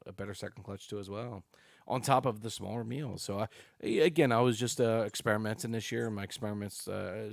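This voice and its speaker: This podcast guest, a snake breeder in his late forties, has a lowish, creaky voice captured with no echo. He talks in an animated, casual way, constantly dropping "you know" and "dude."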